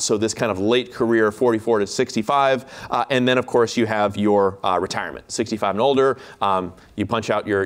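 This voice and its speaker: A man giving a keynote lecture on a hall stage, chatty and jokey, with many fillers and restarts. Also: on the low side. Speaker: keynote speaker, instructor.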